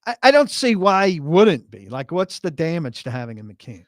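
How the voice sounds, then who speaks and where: A man's voice: a little high, big pitch swings, brisk, dry recording, studio quality. A man from New Jersey co-hosting casual sports talk radio in a blunt, contrarian way.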